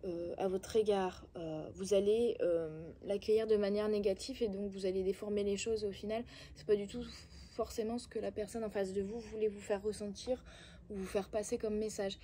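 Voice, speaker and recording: A woman's voice: mid-range voice, fairly even intonation, moderate pace, mellow, a little hiss or hum. A woman with a Belgian French accent gives a casual oracle card reading, speaking straight to her viewers with coaxing but blunt advice and many hesitations.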